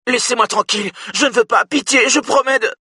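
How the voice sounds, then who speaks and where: A man's voice: fairly high pitch, steady tone, moderate pace, sharp tone, husky, no echo, studio quality, voice pushed up. A man voicing a frightened young boy trapped in a car trunk, pleading in a small, weak voice for an audiobook. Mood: panicked pleading. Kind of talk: audiobook character voice.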